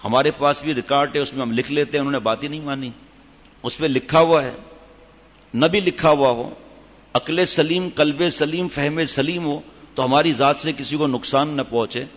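A man giving a sermon in a scolding, emphatic way, reciting Arabic verses slowly. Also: fairly high pitch, in a large hall, dull audio. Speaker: preacher.

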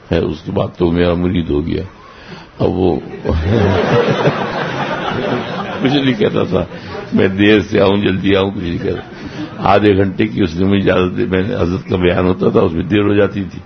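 A man slowly recounting memories of his spiritual master to a gathering, in an unhurried, halting way with restarts and small chuckles. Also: low-pitched, vocal fry. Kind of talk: anecdotal storytelling to a gathering. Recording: dull lo-fi recording with faint hiss.

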